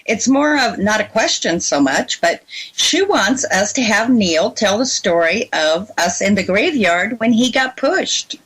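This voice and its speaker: A woman's voice: mid-range voice, animated, unhurried, a bit bright, husky, rough recording. A woman hosting a talk radio show in a casual, conversational way.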